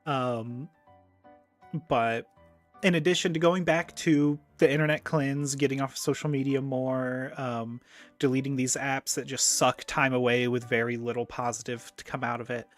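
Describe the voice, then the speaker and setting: A man at an everyday middle pitch hosts a loose, casual chat show. He rambles through his points with plenty of ums and drops swear words offhandedly. Faint music sits underneath his voice. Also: steady tone, normal speed. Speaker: host.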